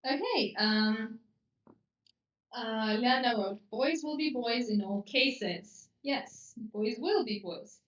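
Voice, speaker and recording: Woman English teacher on a live stream, a touch high, heard from a distance in a roomy space. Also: slow, a bit bright, a little hiss or hum. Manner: reads out viewers' comments and explains expressions patiently. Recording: roomy, distant and dull-toned mic.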